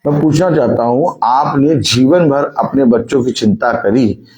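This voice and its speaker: A man's voice: medium pitch, a little slow, darkish tone, low-quality recording. A male preacher delivering a sermon, repeatedly putting rhetorical questions to his congregation and drawing call-and-response answers.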